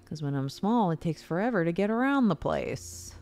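A woman's voice: fairly low pitch, animated, normal speed, a little mellow, faint music behind. A woman giving casual livestream commentary as she plays a game. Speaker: game streamer, voice actor.

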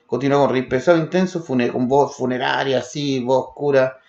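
A man's voice: medium pitch, steady tone, fairly quick, gravelly, darkish tone, echoey room, dull audio. A man from Chile reviewing old metal demos, calling out riffs and drums in short word lists. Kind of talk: spoken demo review over music.

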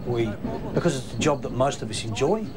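A middle-aged Australian train driver talking casually from his cab, halting now and then with fillers. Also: medium pitch, lively intonation, background noise. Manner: plain-spoken, halting with fillers. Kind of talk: casual documentary interview.

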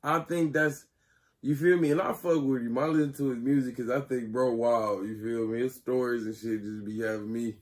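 Young man, casual reaction host, slangy, excitable, mid-pitched voice. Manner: slangy, excitable, keeps asking "you feel me".

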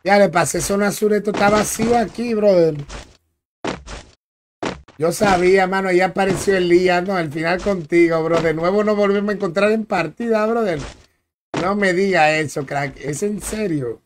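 A man's voice: sits high, normal speed. A man streaming a game, chatting casually and greeting his viewers by name in a friendly, slangy way. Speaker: gaming streamer. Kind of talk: casual live-stream chat while gaming. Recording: clear background noise with clicks.

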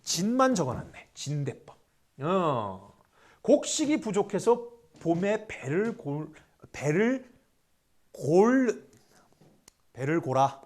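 A male history teacher lectures with a pitch that bounces up and down as he explains each point. He keeps throwing rhetorical questions at his class and slides between polite and casual speech.

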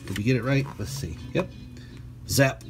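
Reading a picture book to young children, a medium-pitched man speaks clearly and deliberately, breaking off for chatty remarks and playful questions.

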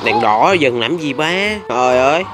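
A man giving casual gameplay commentary, excitable and reacting loudly to the game with frequent swearing and laughter. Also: medium pitch, normal speed, noisy background. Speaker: gaming channel host.

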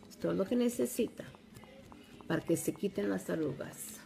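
A middle-aged woman with gives a casual, halting step-by-step product demo, recorded on a phone at arm's length at home. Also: mid-range voice, gravelly, warm tone, faint music behind. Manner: halting, simple step-by-step instruction. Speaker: product demonstrator. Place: small room at home, indoors.

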